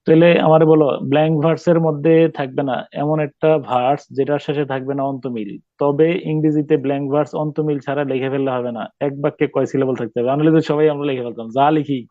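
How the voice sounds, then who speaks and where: A male teacher giving a classroom poetry lesson, questioning students and pausing often to search for words. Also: on the high side, steady tone, no room sound, narrow, tinny audio. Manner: stops to quiz students, mixes English terms, many hesitations.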